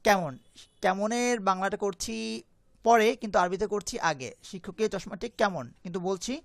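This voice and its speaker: A man teaching a lesson on Arabic grammar. He asks questions and answers them himself, and reads Arabic phrases slowly before translating them. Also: high-pitched, no echo. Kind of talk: classroom lesson.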